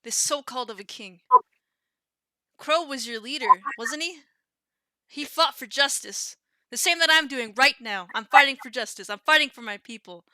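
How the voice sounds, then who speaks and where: A woman's voice: sits high, normal speed, pushed and bright, dry recording. A woman playing a defiant cat-folk rebel hero, speaking in a heated, accusing way in a tabletop game.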